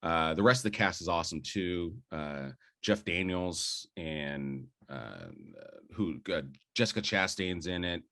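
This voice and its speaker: A man's voice: low-pitched, lively intonation, a little slow, a bit bright. A young adult man co-hosting a podcast, debating movies enthusiastically and rambling with fillers and restarts. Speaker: podcast co-host. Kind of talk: casual film debate.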